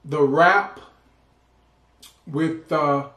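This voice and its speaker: A man with a slightly high voice talks slowly and casually as the host of a food vlog. He pauses often mid-thought. The sound is roomy, with clear echo around his voice. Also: fairly bright tone. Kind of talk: casual mukbang chat while eating. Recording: roomy, echoing indoor sound.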